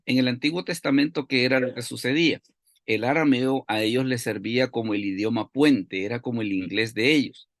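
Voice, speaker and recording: A man's voice: medium pitch, fairly quick, no room sound, studio quality. A man teaching a Bible study lesson, explaining step by step and asking and answering his own questions.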